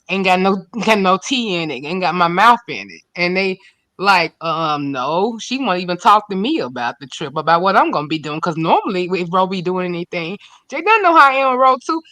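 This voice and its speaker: A woman host, chatting casually and telling animated stories about herself. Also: fairly low pitch, dry recording. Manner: animated storytelling, quoting herself loudly. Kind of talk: casual chat.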